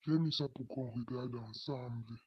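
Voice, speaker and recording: A young man in his late teens, his voice altered by a voice changer, reading a personal testimony in a halting way. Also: medium pitch, husky, lo-fi sound. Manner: slow, flat, halting delivery. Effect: voice changer disguising the voice.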